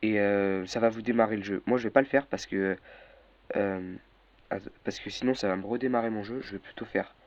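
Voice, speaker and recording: A man's voice: on the low side, brisk. Hesitant young man, lo-fi tutorial mic. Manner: hesitant, many fillers and self-corrections. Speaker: tutorial maker. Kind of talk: casual screen-recorded tutorial. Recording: dull lo-fi mic with faint noise.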